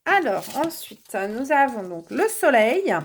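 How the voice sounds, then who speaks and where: A woman's voice: sits high, very animated, measured pace, breathy edge. A woman from France giving casual, reassuring tarot guidance to viewers, with lots of fillers and restarts. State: losing her voice. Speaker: tarot card reader. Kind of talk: casual card-reading guidance.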